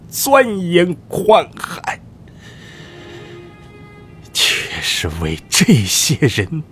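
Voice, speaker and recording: A male actor playing a sick, grieving old court official in a Chinese historical audio drama, his voice hoarse, breathy and raspy, halting and theatrical. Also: lowish voice. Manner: theatrical, halting, swinging from whisper to wail. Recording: music under the voice.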